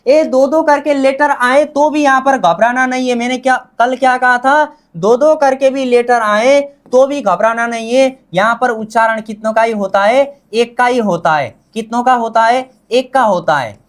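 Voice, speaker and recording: A man's voice: very high-pitched, moderate pace, hardly any pauses. A man teaching a Korean lesson, drilling words by repetition and asking and answering his own questions. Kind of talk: classroom lesson.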